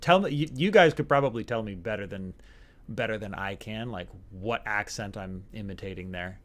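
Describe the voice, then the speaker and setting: A man's voice: lowish voice, normal speed, a bit bright. A man giving casual, rambling commentary while playing a video game, with many filler words.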